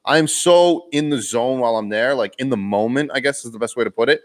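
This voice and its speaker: Talking fast in a medium-pitched voice, a young Boston man hosts a casual live-stream Q&A. He reads out comments, laughs plenty, and restarts sentences as he goes.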